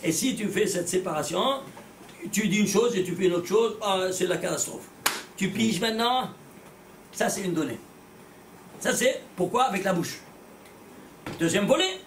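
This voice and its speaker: High-voiced rabbi lecturing in an echoey room. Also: male voice, moderate pace, long pauses, far from the mic, slight background noise. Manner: animated, rhetorical questions, repeats words, blunt asides. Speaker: rabbi teaching a class. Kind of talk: lively religious lecture to a small class. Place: classroom with students.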